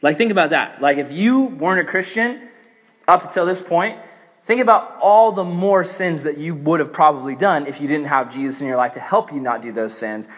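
A man's voice: fairly high pitch, normal speed, a bit bright, husky. A young man giving a casual, joking youth sermon, full of "like" and playful asides. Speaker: youth pastor. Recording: echoey hall reverb.

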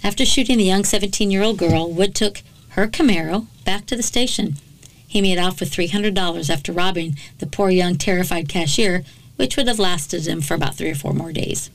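A woman's voice: lowish voice, fairly quick, low-quality recording. A woman hosting a true crime podcast, telling a case dramatically and breaking off for blunt, sarcastic comments. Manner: dramatic narration broken by sarcastic, blunt asides.

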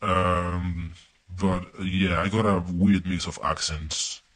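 A Spanish man, a native Spanish speaker, gives a casual, hesitant coaching testimonial as a student, his accent blending Spanish and American. His voice sits low and steady, fairly bright in tone, and he speaks at a slow pace.

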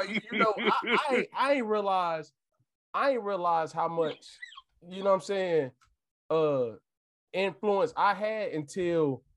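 A man's voice: high-pitched, fairly bright tone. A man telling stories casually in slangy talk, constantly addressing his friends as bro. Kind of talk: casual conversational storytelling.

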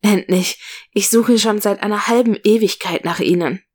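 A woman's voice: mid-range voice, normal speed, darkish tone, lightly acted. A woman voicing a polite, reassuring male stranger who speaks courteously and formally.

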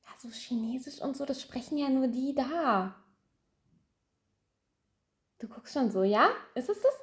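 A woman with a high voice hosts a casual quiz among friends. She is giggly and teasing, and the sound is roomy. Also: animated, unhurried. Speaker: quiz questioner, hairdresser. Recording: roomy, echoey indoor sound.

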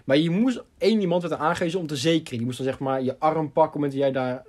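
A young adult man casually telling a funny school story, animated and laughing as he goes, with lots of fillers. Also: on the high side, racing.

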